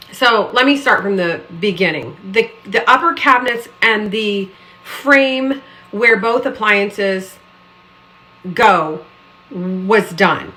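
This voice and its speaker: A woman's voice: a little high, sharp tone, poor audio. A woman lifestyle vlogger chatting casually to her followers. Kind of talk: casual vlog chat.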